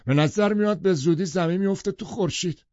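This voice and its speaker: A man's voice: sits high, darkish tone, no echo, muffled recording, pitched above the performer's own voice, close to an everyday voice. A male narrator voicing a brash, overbearing wealthy husband in an audiobook, blustering and indignant. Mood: rambling. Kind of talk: audiobook character voice.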